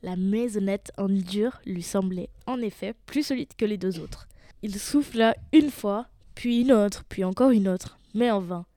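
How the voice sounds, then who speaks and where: A woman reading a fairy tale aloud in an expressive, animated storybook style. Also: mid-range voice, measured pace, no echo. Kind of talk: storybook narration.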